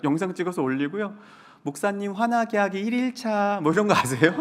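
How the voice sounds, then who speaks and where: A male pastor giving a humorous sermon, telling stories and acting out his students' voices. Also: fairly high pitch. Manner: animated storytelling, acts out students in quoted voices.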